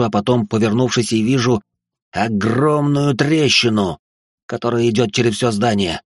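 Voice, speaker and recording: A man's voice: mid-range voice, no room sound, clean studio sound. A man narrating a fantasy story in the first person, with wry sarcastic asides.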